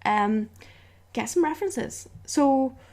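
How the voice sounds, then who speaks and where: A young woman chatting casually as a vlogger, telling a story and acting out quotes. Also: takes it slowly. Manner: animated, acts out quotes with sudden high squeals.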